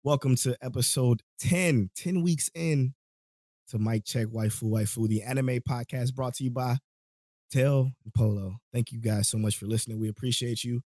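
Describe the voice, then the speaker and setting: A podcast host talks casually in a laid-back, rambling style, laughing often, his voice worn and going as he catches a cold. His mid-range voice has a darkish tone, fairly even intonation and a moderate pace. The recording is studio quality with no room sound.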